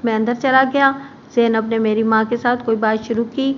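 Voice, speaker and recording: A woman reading a crime story aloud in a steady, even storytelling manner. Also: fairly high pitch, normal speed. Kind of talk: scripted narration of a crime story. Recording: muffled with faint background hiss.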